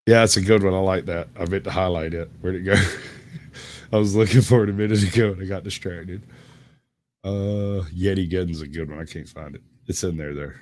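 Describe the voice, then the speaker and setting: A man's voice: low-pitched, fairly even intonation, a little fast, a little mellow, no echo. A man with a Southern US accent hosting a live stream in a casual, folksy, joking and rambling way.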